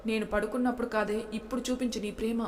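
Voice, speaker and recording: A woman voicing a hot-tempered, possessive young husband who talks gruffly and bossily in a storybook reading. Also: on the high side, flat delivery, fast, lightly acted. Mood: angry. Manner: gruff, bossy. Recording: long hall reverb.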